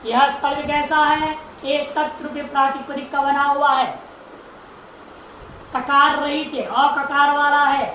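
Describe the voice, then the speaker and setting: Woman lecturing on sanskrit grammar, slow careful delivery, roomy echo with a faint hiss behind. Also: sits high, level tone, fairly bright tone. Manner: slow, deliberate, repeating forms and asking rhetorical questions. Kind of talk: classroom lecture.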